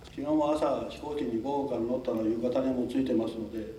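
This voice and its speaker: Recorded from a distance in an echoey hall with faint hiss or hum, an older man from Tokunoshima, Amami Islands, lectures formally to local listeners. His voice is medium-pitched and dark, with fairly even intonation and a brisk pace, and he stays polite and chatty, with frequent chuckles and side remarks.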